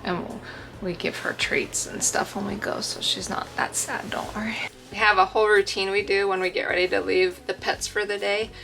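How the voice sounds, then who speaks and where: Creaky-voiced woman chatting in a casual vlog. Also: mid-range voice, flat delivery, normal speed, a bit bright, low-quality recording. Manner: informal, chatty, talking to viewers. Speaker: travel vlogger living full time in an RV. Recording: background music under the voice. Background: music.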